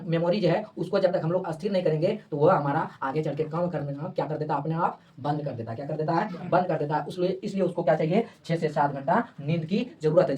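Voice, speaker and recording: Fast-talking teacher, voice from afar. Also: male voice, high-pitched, far from the mic. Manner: repetitive, asks and answers his own questions. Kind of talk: motivational study lesson.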